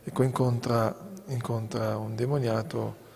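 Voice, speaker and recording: A man, a priest, giving a homily at Mass in a measured preaching manner, often repeating words as he goes. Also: medium pitch, little pitch movement, creaky, darkish tone. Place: sanctuary church. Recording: echoey church with long reverb.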